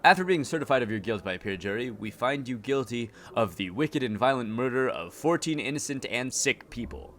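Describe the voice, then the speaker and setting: A man's voice: mid-range voice, lively intonation, brisk, few pauses, lightly acted. A man acts a stern official handing down sentence in a horror game. The delivery is formal and solemn, with faint music underneath. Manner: formal, pronouncing. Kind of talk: reading out horror game dialogue.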